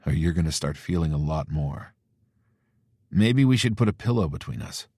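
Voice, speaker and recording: A man voicing a low, husky, tender lover. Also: lively intonation, normal speed, darkish tone, dry recording, studio quality, heavily acted. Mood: teasing. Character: young adult man, teasing and tender lover.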